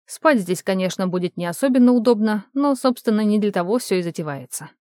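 A woman reading an audiobook with steady, measured narration at a middle pitch. The recording is dry and close, with no room around her voice. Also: dry recording.

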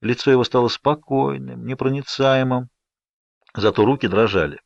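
A man narrating a first-person novel in a steady, measured reading. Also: mid-range voice, creaky, no room sound. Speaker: audiobook narrator. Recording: dry, slightly dull audiobook recording.

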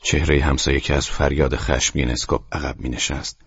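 Audiobook narrator: man, very deep and breathy, quiet measured delivery, dry lo-fi sound. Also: little pitch movement, no echo. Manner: quiet, measured, at times near a whisper. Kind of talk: scripted narration. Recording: dry, dull lo-fi studio recording.

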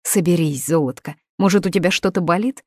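A woman's voice: fairly low pitch, fairly quick, darkish tone, no echo, clean studio sound, lightly acted. A woman voicing an anxious, doting middle-aged mother who fusses and pleads affectionately.

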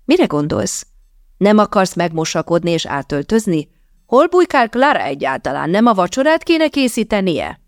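A woman's voice: mid-range voice, big pitch swings, a little mellow, no room sound, clean studio sound, pitched above the performer's own voice. A woman voicing a stern older aunt who keeps house, scolding and giving firm commands.

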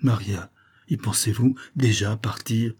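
A man reading aloud voices an impatient, jealous young Parisian gentleman of about twenty-five, agitated and pleading. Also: lowish voice, steady tone, measured pace, slightly rough. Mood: resigned.

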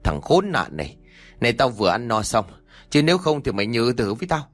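A man's voice: mid-range voice, sing-song, a little fast, faint music behind. A man voicing a stern old village father who barks threats and orders at his son. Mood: threatening. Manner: barking, hissing threats.

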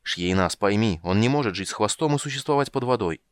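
A man voicing a weary, patient monster hunter who speaks calmly and dryly. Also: lowish voice, fairly quick, clear, resonant tone, no echo, natural voice.

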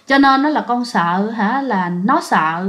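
Woman playing a weeping young ghost, soft, slow, pleading. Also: fairly high pitch, lively intonation. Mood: tearful pleading. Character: tearful young male ghost speaking through a possessed woman.

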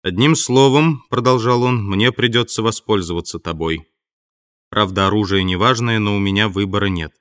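A man's voice: lowish voice, normal speed, fairly bright tone, no echo, clean studio sound, lightly acted. A man voicing a menacing invisible man who gives curt, threatening commands, in an audiobook.

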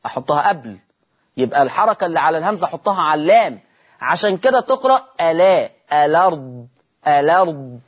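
A man with an Egyptian accent teaching a recitation lesson on television, asking questions and answering them himself and drawing out the example words slowly. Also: on the high side, animated, husky. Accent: Egyptian Arabic.

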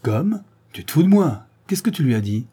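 A man's voice: a little high, very animated, moderate pace, warm tone, husky, pitched above the performer's own voice. A man voicing a bad-tempered old farmer and father who roars and mocks in coarse words. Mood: gruff. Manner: roaring, coarse, mocking.

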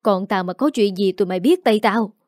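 A woman voicing the sharp, commanding mistress of a rich household in a storybook. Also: medium pitch, fairly quick, no echo, close to an everyday voice. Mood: angry.

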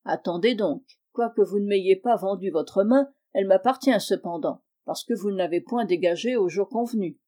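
A woman's voice: mid-range voice, moderate pace, few pauses, mellow, natural voice. A woman reading the lines of a cunning male sorcerer who sermonizes in a lofty, wordy manner, in an audiobook of a classic tale. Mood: scheming.

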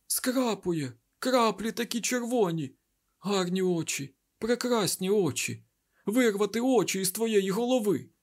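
A man voicing a bloodthirsty chorus of mad wind-spirits, shrill and frenzied.

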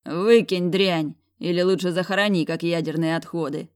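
A woman's voice: on the low side, steady tone, moderate pace, natural voice. A woman voicing a rude, hulking grown man who growls and sneers in an audiobook. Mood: scornful.

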